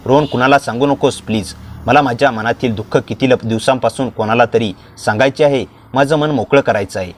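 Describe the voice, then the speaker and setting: A man voicing a married middle-aged aunt in a storybook reading, speaking softly and confidingly in his own voice. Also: mid-range voice, fairly quick, lightly acted.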